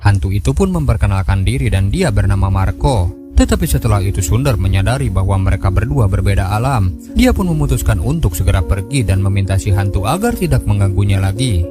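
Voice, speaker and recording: A man's voice: fairly low pitch, animated, brisk. A man giving a scripted storytelling narration of a film recap. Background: background music.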